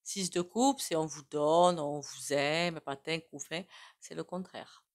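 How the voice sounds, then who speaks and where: A woman's voice: deep voice, slow pace. A woman doing a casual tarot reading, chatty and full of asides to her viewers. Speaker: tarot reader.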